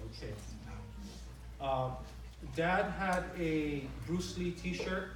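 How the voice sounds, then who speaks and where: A middle-aged man gives an informal eulogy, speaking in a halting, conversational way and often repeating his phrases. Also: a little high, heavy background noise. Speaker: son giving a eulogy for his father. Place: large reverberant room at a memorial gathering. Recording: very echoey, distant microphone in room.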